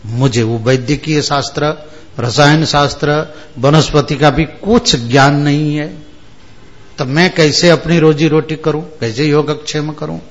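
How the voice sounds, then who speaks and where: A man giving a spiritual discourse at an unhurried, deliberate pace. His voice sits a little high for a man. He explains scripture word by word and keeps checking that his listeners follow. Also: muffled recording. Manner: explains verses word by word, asks listeners "haan?". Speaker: religious discourse speaker. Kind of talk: Hindi spiritual discourse with chanted Sanskrit verses.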